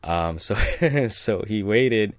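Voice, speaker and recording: A man with a very low voice tells an anecdote in a relaxed, rambling way, full of fillers and little chuckles. The sound is dry and close, with no room around it. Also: very slow, no echo. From California. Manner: rambling, many fillers and restarts, chuckles often. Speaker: storyteller. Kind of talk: casual personal anecdote.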